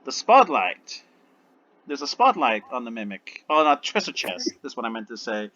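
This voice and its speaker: A man narrating as game master of a tabletop game in an animated, expressive way, over muffled lo-fi audio. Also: medium pitch, moderate pace.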